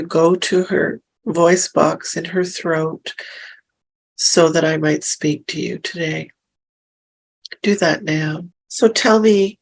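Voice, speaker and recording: A woman leading a hypnosis session, speaking softly and reassuringly as she gently asks questions. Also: low voice, rough recording. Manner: soft, slow and soothing, reassuring. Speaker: hypnosis practitioner.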